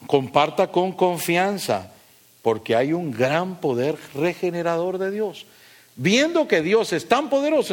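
Emphatic and questioning, a middle-aged man preaches as pastor, putting rhetorical questions to his congregation and shifting between loud high points and low asides.

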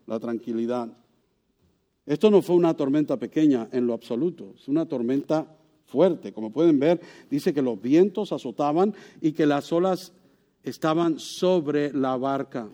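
In his sermon, a male preacher keeps posing rhetorical questions to the congregation, and his voice leaps widely in pitch and loudness to stress his points.

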